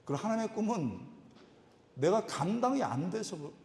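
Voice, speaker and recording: A male pastor preaching a lively storytelling sermon at a retreat service, imitating people in his stories and exclaiming. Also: high-pitched, normal speed. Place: church retreat evening service hall. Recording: echoey hall reverb.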